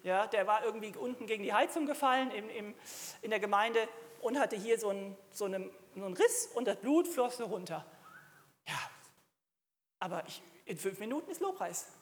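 A woman's voice: medium pitch, brisk, long reverb tail. A middle-aged woman preaching a sermon to a congregation, emphatic and at times rising to fervent exclamations. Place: church hall.

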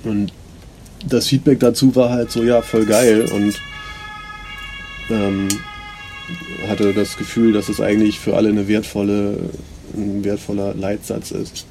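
A man hosting a podcast and musing casually, in a rambling, hesitant way with many fillers, heard on a low-quality recording. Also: flat delivery, a little slow, creaky, long pauses, background noise. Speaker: podcast host. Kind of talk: casual reflective monologue.

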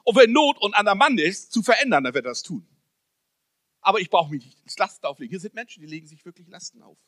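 A man preaching a sermon to a congregation, asking rhetorical questions and swinging between loud emphasis and soft, close-up speech. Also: sits high, expressive, fast, no room sound. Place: church service hall.

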